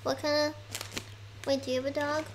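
A woman's voice: high-pitched, level tone, brisk, a little hiss or hum, low-quality recording. A young woman chatting casually on a livestream, rambling and eating as she talks.

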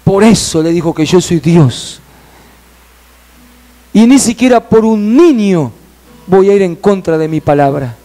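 A sorrowful divine judge hands down a verdict in slow, solemn, firm tones, voiced by a male preacher. The voice stays fairly high for a man. It carries grief and unbending authority. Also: mellow, faint music behind, natural voice.

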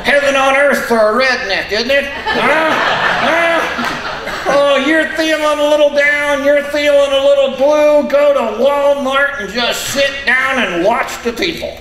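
Squeaky, high-pitched folksy ventriloquist dummy. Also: male voice, unhurried. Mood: gleeful, brash. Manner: folksy, exclaiming, comically exasperated. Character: excitable grumbling old-fashioned redneck ventriloquist dummy. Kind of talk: ventriloquist stage comedy. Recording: echoey theater stage, some noise.

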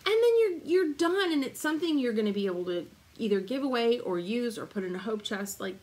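A woman's voice: fairly high pitch, lively intonation, a little fast, a little mellow, poor audio. Chatty podcast co-host woman, rambling. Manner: chatty, digressive, laughs often. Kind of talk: casual chat.

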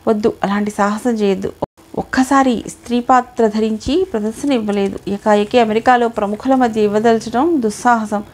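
A woman's voice: a little high, steady tone, moderate pace, a little mellow, lightly acted. A woman voicing an elderly male dance teacher who firmly warns his student in an audiobook reading. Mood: stern warning. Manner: warning, firm. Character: cautious old male dance guru, stern.

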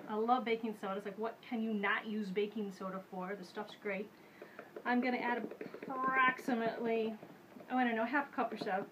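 Her medium-pitched voice is captured by a camera mic at medium distance in a low-quality recording with a bit of hiss or hum. She's a woman in her thirties hosting a home witchcraft show, casually demonstrating a how-to in her kitchen while chatting, relaxed, and thinking aloud with plenty of fillers.

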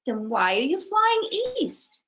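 A woman's voice: sits high, wildly swooping pitch, takes it slowly, fairly bright tone, pitched above the performer's own voice, heavily acted. A woman voicing a young male songbird, small, eager and anxious, asking earnest questions in a storybook reading. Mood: eager questioning.

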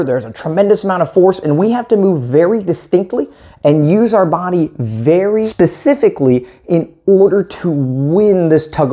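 A man's voice: on the high side, warm tone. A man in his thirties, a paddling coach, explaining stroke technique methodically while he demonstrates in a small indoor room. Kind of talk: instructional demonstration.

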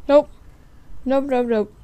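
A woman's voice: high voice, steady tone, takes it slowly, warm tone, clear, resonant tone. Jumpy sarcastic young woman gamer. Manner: jumpy, sarcastic, thinking aloud. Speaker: gamer playing a horror game. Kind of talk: let's play commentary.

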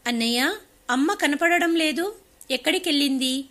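A woman voicing an angry young married woman who confronts her family, indignant and sharp. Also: sits high, normal speed. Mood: alarmed.

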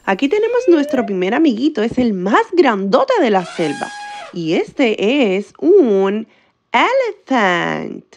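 A woman's voice: a little high, sing-song, a little mellow, slight background noise. A woman teacher giving a bilingual vocabulary lesson for children, drawing out each word for the class to repeat. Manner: slow, drawn-out words for repetition.

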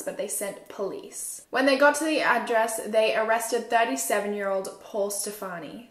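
In a small furnished room with roomy indoor echo, an Australian woman in her twenties recounts a true crime story in a conversational way. Her mid-range voice has a fairly bright tone.

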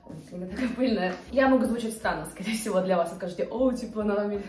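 A 28-year-old vlogger talks casually to the camera from her living room couch, chatty and hesitant with lots of fillers, gesturing with her hands. Her mid-range voice is fast and slightly mellow. The camera sits a few feet away, giving a roomy sound with faint background music.

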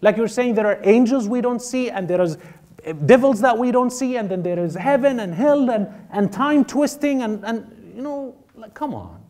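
A man giving a live religious seminar talk to an audience, animated and fond of mimicking doubters in exaggerated tones. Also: extremely high pitch, moderate pace. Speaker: religious lecturer.

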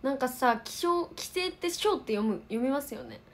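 Brisk and expressive, her voice sits high as she chats casually and replies to viewer comments. The speaker is an idol livestream host in her twenties from Osaka, Japan, with a light Kansai accent.

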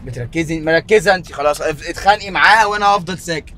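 A man with an Egyptian accent, a passenger in a car, exasperated and trying to calm the argument. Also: fairly high pitch, rapid-fire. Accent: Egyptian Arabic. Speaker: passenger, fiancé. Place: inside a car. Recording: background music under the voice.

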